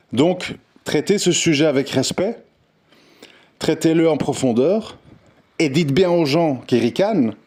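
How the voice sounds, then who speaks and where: A religious commentator whose first language isn't Arabic delivers an earnest, unscripted audio monologue on religion. He sounds insistent, often restarting and repeating words, in a fairly high, darkish voice.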